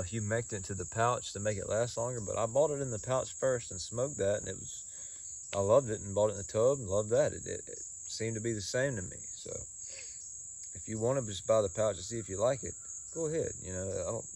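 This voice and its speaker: A man giving a casual solo review in a folksy, halting way, often repeating words and pausing. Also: fairly low pitch, creaky, darkish tone, poor audio. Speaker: pipe tobacco reviewer.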